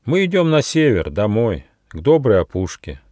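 In a storybook, a man voices a kind but stern little gnome leader who is firm, modest and gentle in mood. He pitches his natural voice above his own register, giving a medium pitch with big swings, a darkish tone and a moderate pace. The recording is dry, clean studio sound.

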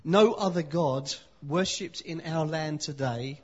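A man from London with a London accent, preaching as a guest and pausing after short phrases for his interpreter. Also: fairly high pitch, lo-fi sound, slight background noise. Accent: London English. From London, England. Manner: lively, pauses for interpreter, speaks in short phrases. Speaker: visiting preacher. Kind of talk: sermon with live interpretation.

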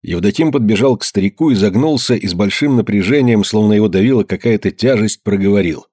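Husky male audiobook narrator. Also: on the low side, quick pace, dark tone, dry recording, studio quality.

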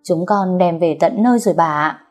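A woman's voice: fairly low pitch, moderate pace, soft background music, natural voice. A woman voicing a humble, obedient household servant. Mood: deferential. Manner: deferential, obedient.

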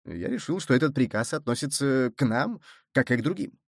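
A man voicing a quick-witted young male musketeer who answers briskly and in haste. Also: mid-range voice, lively intonation, dry recording, studio quality.

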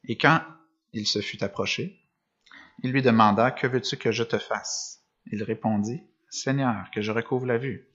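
Unhurried and a bit bright, this mid-range male voice delivers a sermon in a church or meeting room, a screen at his back. He reads from the gospels, then explains each passage, restarting at times and posing rhetorical questions. Audio quality is dull and lo-fi.

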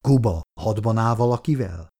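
A man reading an audiobook, voicing a dazed, injured man with amnesia who answers quietly and hoarsely. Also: fairly low pitch, lightly acted. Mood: confused. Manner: quiet, dry, hoarse-sounding replies.

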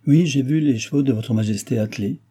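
A man's voice: mid-range voice, a little fast, warm tone, close to an everyday voice. A man voicing a coquettish, scheming court countess who coaxes the king, in an audiobook. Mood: coaxing. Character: coaxing scheming court countess, woman, playful.

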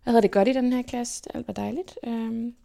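A young woman from Denmark, telling stories from her life as an interview guest in a lively way and acting out what people said. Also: a little high, gravelly. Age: young adult. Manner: lively, animated retelling with quoted inner speech. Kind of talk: casual personal storytelling.

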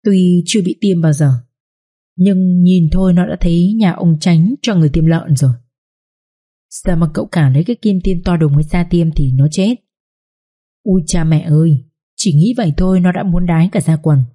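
A woman narrates a story, in a lively, colloquial manner. Her voice sits low and sounds mellow. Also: normal speed, slightly rough.

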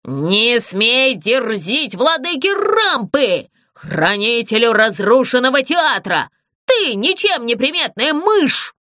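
A woman voicing a pompous male ghost who rules a ruined theatre, speaking slowly and menacingly. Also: fairly high pitch, very animated, bright, forceful tone, no echo, studio quality, exaggerated voice. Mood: gloating. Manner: slow, drawn-out and menacing.

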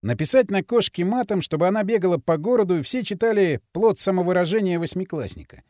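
Expressive male audiobook narrator. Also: high-pitched, fast, no room sound, studio quality. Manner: expressive reading.

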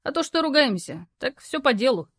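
A woman voicing a gruff, burly male courier who talks curtly and in rough slang. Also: high voice, sing-song, moderate pace, dry recording, studio quality, voice pushed up. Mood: gruffly kind.

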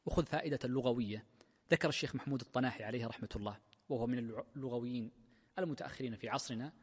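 A man, a sheikh, giving a classical lecture on a text of legal theory, explaining step by step with drawn-out fillers. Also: mid-range voice, slightly rough. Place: large mosque hall. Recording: long mosque-hall reverb.

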